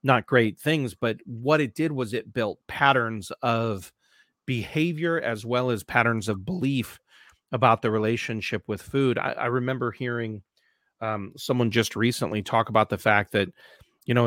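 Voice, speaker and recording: A man's voice: medium pitch, normal speed, fairly bright tone, no room sound, studio quality. A nasal-voiced man in his forties with a Midwestern accent, a gym coach telling stories on a casual podcast with emphatic energy. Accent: Midwestern American.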